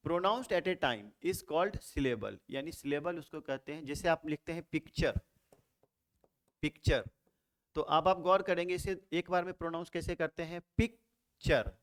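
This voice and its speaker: A man teaching English grammar in a Hindi lecture, asking rhetorical questions and answering them himself, repeating key terms slowly. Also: on the high side.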